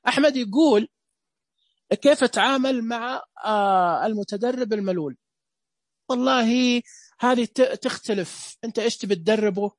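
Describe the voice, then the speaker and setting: A man giving a lecture, animated and often asking his audience rhetorical questions. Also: sits high, no room sound.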